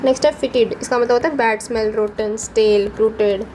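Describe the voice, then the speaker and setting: A woman's voice: a little high, fairly even intonation, fairly quick, a little mellow, a little hiss or hum, low-quality recording. A young woman teaching exam vocabulary with mnemonic tricks, explaining patiently. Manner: explains patiently, repeats "ठीक है" between points.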